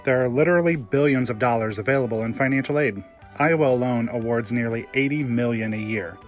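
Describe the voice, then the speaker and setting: A man announcer reading a scripted informational message in a steady, informative way. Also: mid-range voice, brisk, over music.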